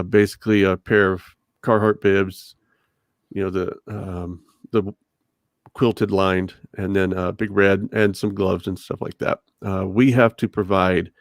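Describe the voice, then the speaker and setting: A man's voice: fairly low pitch, no room sound. A middle-aged man answering casually as a podcast guest, close on a desktop condenser mic. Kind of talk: casual interview storytelling. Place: home room with bookshelf, indoors. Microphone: desktop condenser mic with pop filter, close up.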